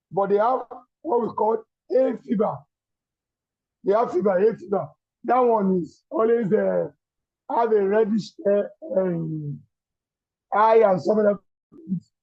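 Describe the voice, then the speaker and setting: A man with a Nigerian accent, a coach invited to speak, talking slowly with many pauses in a strained voice over an online call. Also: high voice, darkish tone, dry recording, muffled recording. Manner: slow, halting, many fillers. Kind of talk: casual talk on an online call.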